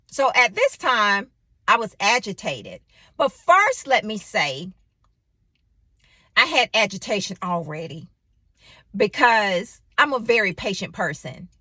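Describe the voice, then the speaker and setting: Woman for a faith vlog devotional, storyteller with a lively pitch and a bright, dry, close sound. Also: slow pace, long pauses, no room sound. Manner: animated storytelling with exclamations. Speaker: faith vlogger. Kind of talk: devotional talk.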